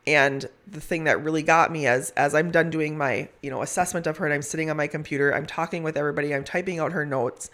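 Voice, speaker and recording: A woman telling a personal story in conversation as a hospice nurse, in a heartfelt, emphatic way with drawn-out words. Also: low-pitched, vocal fry, fairly bright tone. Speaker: hospice nurse, podcast guest.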